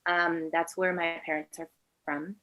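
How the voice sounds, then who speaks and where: In a rough recording, a Venezuelan woman in her twenties, a native Spanish speaker from Latin America who works as an actor and filmmaker, answers interview questions conversationally. Her lowish voice is level, bright, and forceful, and she speaks unhurriedly.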